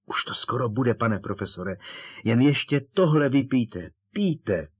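A man voicing a desperate teenage boy wizard who begs and coaxes in a raised, strained, husky voice. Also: medium pitch, expressive. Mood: coaxing. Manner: urgent, begging, raised and strained.

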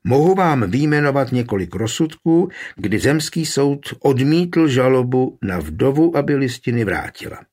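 Man doing a plump, shrewd town burgomaster, husky and unflappable, in a storybook reading. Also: mid-range voice, sing-song, few pauses, a little mellow. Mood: lawyerly. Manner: composed, sly, lawyerly. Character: shrewd, calm, short plump male burgomaster. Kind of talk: audiobook character voice.

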